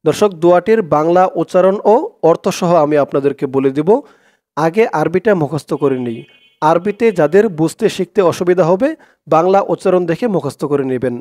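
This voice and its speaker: A man teaching Arabic reading, who spells words letter by letter and chants each syllable slowly and long. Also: on the high side, animated, darkish tone. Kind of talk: spelled-out recitation lesson.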